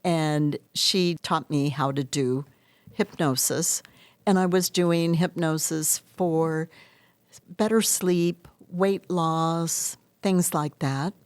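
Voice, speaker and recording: Slow, low-voiced woman explaining her hypnosis practice. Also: fairly even intonation, darkish tone, dry recording. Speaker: hypnotherapist interview guest. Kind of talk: interview answers, explanatory storytelling.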